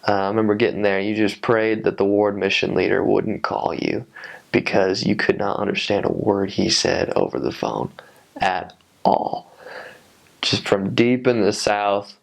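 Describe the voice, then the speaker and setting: A man in his twenties with a fairly low voice and plenty of vocal fry shares personal memories in a casual way. His delivery is halting and reflective, with thoughts that often trail off before he picks them up again. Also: steady tone. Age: 20s. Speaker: returned missionary recalling his service.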